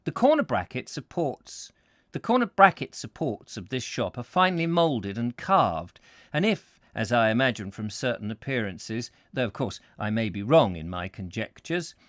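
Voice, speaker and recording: A man reads an old travel book aloud with a lively, expressive voice and middling pitch, stopping now and then for chatty, self-deprecating asides to his listeners. He sounds at ease and animated. The recording is close and dry, with no echo. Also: normal speed. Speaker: reader and host of a live reading stream.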